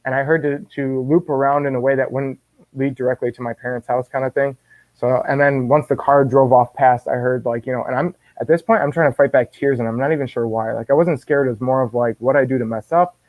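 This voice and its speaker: A man guest telling a personal faith story in an animated way, often restarting and repeating words. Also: mid-range voice, a little fast, dry recording. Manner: animated, acts out his own quoted words. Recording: dull dry lo-fi sound.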